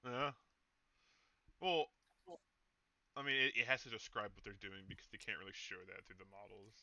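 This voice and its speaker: Male streamer, lower voice, relaxed let's-play narration, slightly dull audio. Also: moderate pace, no echo. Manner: relaxed, reads story text aloud with small stumbles. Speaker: streamer reading game text. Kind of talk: casual let's play chat and narration read-aloud.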